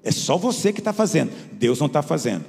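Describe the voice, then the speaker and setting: A man, a pastor, preaching a sermon. He tells stories and moves between quiet asides and high, emphatic peaks. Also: very animated, fast talker, vocal fry. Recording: reverberant church hall with soft music.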